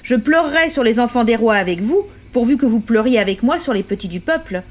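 A woman's voice: on the high side, expressive, a little fast, slight background noise, lightly acted. A woman reading aloud as a fierce, bitter old revolutionary on his deathbed who speaks in impassioned accusations.

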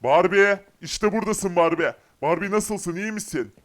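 A man voicing a fatherly, reassuring rich man in a cartoon game parody, brisk in manner. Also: high voice.

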